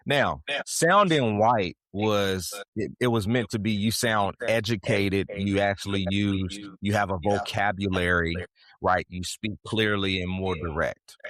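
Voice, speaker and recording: Deep voiced guy on a podcast, slow thoughtful talk, dry close sound. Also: fairly bright tone, no echo. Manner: reflective, measured storytelling. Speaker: podcast co-host. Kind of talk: casual conversation.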